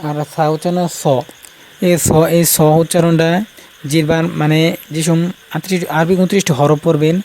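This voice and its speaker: Man slowly drilling letter sounds. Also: on the high side, flat delivery, darkish tone, rough recording. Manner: slow and repetitive, drilling sounds. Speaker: Quran recitation teacher. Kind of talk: informal spoken lesson.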